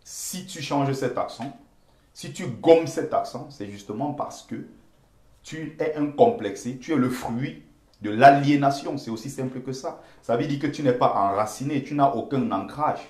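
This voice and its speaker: A man's voice: mid-range voice, normal speed, a little mellow, reverberant. Emphatic Cameroonian man with a Bamileke accent. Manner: emphatic, repetitive, pleads with viewers. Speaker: live-stream commentator. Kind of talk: impassioned live-stream commentary.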